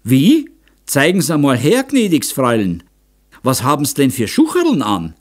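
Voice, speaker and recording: A man's voice: mid-range voice, wildly swooping pitch, measured pace. A man voicing a cheerful young male mountain hunter in a Bavarian accent, hearty and reassuring in folksy dialect, for an audiobook. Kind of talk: audiobook character voice.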